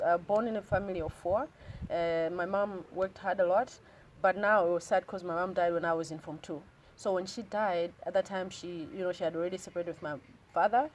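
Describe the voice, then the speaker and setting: Fast-talking Malawian woman, earnest guest. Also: lowish voice, darkish tone, slight background noise. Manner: earnest and reflective, switches languages mid-sentence. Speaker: interview guest. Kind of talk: casual interview conversation.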